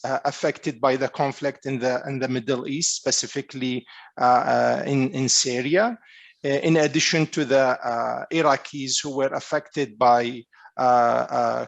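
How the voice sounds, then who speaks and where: A middle-aged man from Iraq introducing himself on a panel, pausing often with filler sounds. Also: mid-range voice, vocal fry. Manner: hesitant, many filler sounds. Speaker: UNICEF emergency response worker.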